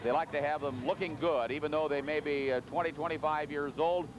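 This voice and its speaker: Guy doing tractor pull announcing, excitable and folksy, voice a bit high, lots of outdoor engine noise. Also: fairly quick. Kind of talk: live play-by-play commentary. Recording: noisy outdoor track, engines behind. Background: outdoor ambience and vehicle noise.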